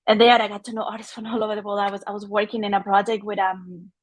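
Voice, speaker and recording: A woman from Chile, a native Spanish speaker, telling her story as a guest artist over a video call, halting with many fillers and restarts. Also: medium pitch, level tone, no echo. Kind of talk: casual personal talk. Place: home studio with art on the walls.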